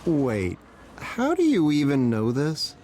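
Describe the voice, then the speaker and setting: A man's voice: a little high, huge pitch swings, slow pace, darkish tone, slight background noise, exaggerated voice. A man playing a brooding, melodramatic dead musician of Greek myth in a video game, theatrical and self-pitying. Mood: questioning.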